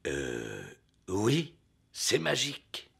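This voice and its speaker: A man voicing a jovial, bumbling father pig in a children's cartoon, explaining things pompously with a husky voice. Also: on the low side, huge pitch swings, extremely slow, exaggerated voice. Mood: hesitant.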